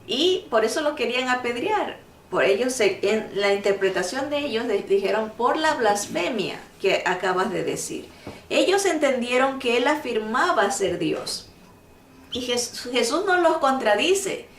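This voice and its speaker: Slow, emphatic woman teaching a Bible lesson. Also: fairly high pitch, big pitch swings, slight background noise. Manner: earnest, emphatic, repeats points. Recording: echoey room, mic at a distance.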